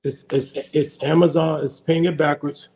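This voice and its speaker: A man's voice: a little high, level tone, normal speed, a little mellow. An older American man, a podcast guest, talking in a rambling, casual way and often repeating and restarting his words. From United States. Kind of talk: casual interview chat.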